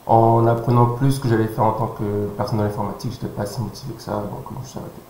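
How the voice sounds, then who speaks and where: A man in his thirties from French Guiana, answering interview questions calmly, pausing often with fillers. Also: lowish voice. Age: 30s. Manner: calm, halting, with many pauses and fillers. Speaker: interview guest. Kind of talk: casual interview. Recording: roomy sound with faint noise.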